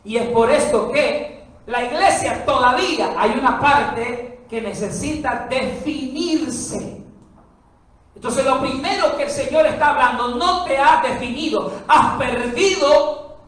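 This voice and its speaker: A woman preaches a sermon in a high voice at a slow pace, emphatic and full of rhetorical questions for the congregation. She's far from the mic in a very echoey hall.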